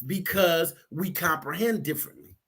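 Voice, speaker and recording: A man's voice: fairly high pitch, moderate pace, a bit bright, slightly rough. A man talking earnestly and explaining his ideas, often restarting and repeating words. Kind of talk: casual discussion.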